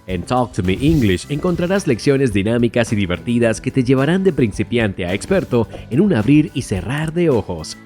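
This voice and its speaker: A man giving a scripted English-pronunciation lesson, saying each English example word slowly and carefully before glossing it. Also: medium pitch, mellow. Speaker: English teacher.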